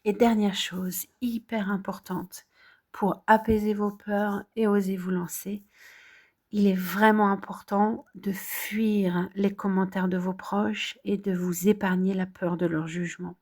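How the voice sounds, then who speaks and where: A woman's voice: medium pitch, a little slow. A woman from France, middle-aged, coaches her viewers through a casual video lesson. She talks in a direct, encouraging way and leans hard on the words she wants to stick. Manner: encouraging, direct, lively emphasis. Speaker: English teacher.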